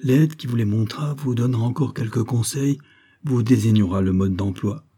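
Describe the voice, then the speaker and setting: A man voicing a kindly, solemn doctor who speaks gently and earnestly, in an audiobook. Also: medium pitch, normal speed, husky, lightly acted. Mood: reassuring.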